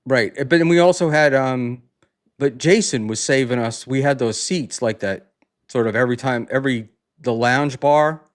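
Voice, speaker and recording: A man hosting a casual talk show, chatting loosely, with many fillers and false starts. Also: mid-range voice. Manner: rambling, halting, many fillers and restarts. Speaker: podcast host. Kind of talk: casual chat.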